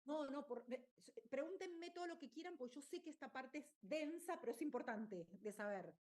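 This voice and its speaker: A woman's voice: high voice, animated, normal speed, a little mellow. A woman teacher, explaining a lesson and often checking in with her listeners. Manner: explanatory, checks in with "¿está bien?". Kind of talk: online lecture.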